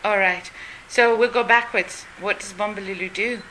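A woman's voice: mid-range voice, steady tone, moderate pace, bright, forceful tone, a little hiss or hum, low-quality recording. A woman hosting a podcast interview, asking curious questions and reacting briefly. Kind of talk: casual interview.

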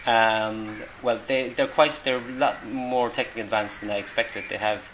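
A middle-aged Irish man, interviewed casually as a volunteer, speaks in a lowish voice with fairly even intonation and a fairly bright tone at a moderate pace. His replies are hesitant and peppered with ums and restarts, over noisy room ambience.

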